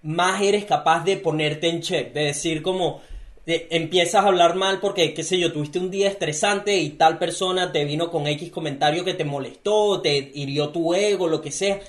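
A Venezuelan man hosting a podcast talks in a reflective, emphatic way. His voice sits high. The room around him adds a clear echo. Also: moderate pace. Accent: Venezuelan Spanish. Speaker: podcast host. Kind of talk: casual interview chat. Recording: echoey room.

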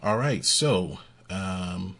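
A man's voice: sits low, animated, drawn-out words, a bit bright. A man co-hosting a casual music podcast, chatty and laughing often between points. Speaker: podcast co-host.

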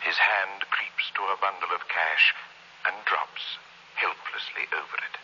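A man hosting and narrating a 1960s radio horror show in a slow, theatrical, ominous delivery. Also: sits low, steady tone, a little hiss or hum. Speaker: announcer and horror show host. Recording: muffled old radio broadcast, loud music.

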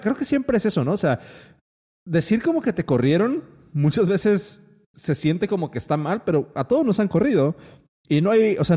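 Rambling Mexican man with a mellow voice. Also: medium pitch, long reverb tail. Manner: rambling, many restarts and fillers. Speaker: podcast host. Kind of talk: casual podcast chat.

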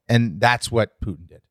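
A man co-hosting a casual podcast chat, explaining current events in an animated, swinging way. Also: mid-range voice, no room sound, clean studio sound. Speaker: podcast co-host.

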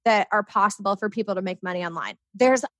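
A woman's voice: medium pitch, fast talker, dry recording. Upbeat young woman chatting, dry sound. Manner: upbeat, animated, many "like" fillers. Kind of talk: casual chat.

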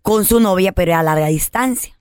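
A woman's voice: on the low side, quick pace, a little mellow, clean tone, no echo, clean studio sound. A woman who co-hosts a podcast, telling a story in casual chat and acting out the lines she quotes. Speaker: podcast co-host.

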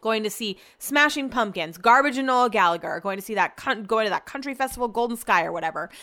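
A woman's voice: on the high side, lively intonation, fast, pushed and bright. A woman podcast host chatting casually on her own in a bubbly, gushing sorority-girl manner, rambling and sidetracked, with girly slang and lots of emphasis. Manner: rambling, sidetracked valley-girl-like talk heavy on "like". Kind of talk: casual solo podcast chat.

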